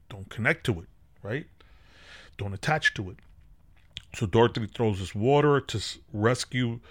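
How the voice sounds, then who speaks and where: A podcast host with a lowish voice casually retells a film and draws spiritual lessons from it. He rambles loosely, with many fillers and restarts.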